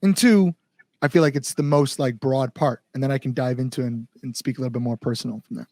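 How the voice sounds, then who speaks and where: His voice is medium-pitched and mellow, with fairly even intonation, a quick pace, and no room sound. As a musician guest on a relaxed podcast, he rambles through anecdotes, says "like" constantly, and acts out his inner monologue.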